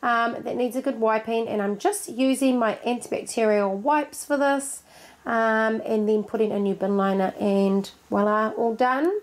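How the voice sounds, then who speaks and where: A woman talks viewers through her cleaning. Her voice sits a little high, and she fills the gaps with ums and easy asides. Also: fairly even intonation, normal speed. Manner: chatty, lots of ums, friendly asides to viewers. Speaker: cleaning vlogger. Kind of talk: casual voice-over narration.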